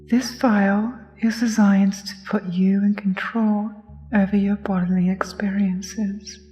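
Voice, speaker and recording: Slow, mellow woman guiding hypnosis. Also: mid-range voice, fairly even intonation, in a large hall. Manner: soft, soothing, measured delivery. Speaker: hypnosis narrator. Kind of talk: scripted guided hypnosis narration. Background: music.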